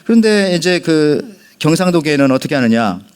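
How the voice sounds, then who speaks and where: A man's voice: fairly high pitch, very animated, moderate pace, clean tone. A male pastor preaching a sermon in a church, telling funny stories and talking directly to the congregation. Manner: humorous storyteller, addresses the congregation directly. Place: church sanctuary.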